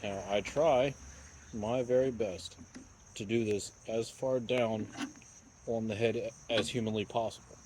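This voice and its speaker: A man in his thirties giving a casual, halting how-to vlog outdoors in a backyard, often pausing and correcting himself. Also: fairly low pitch, fairly even intonation, a little mellow, low-quality recording. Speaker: javelin repairer presenting a video. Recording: clear outdoor noise, insects and ambience.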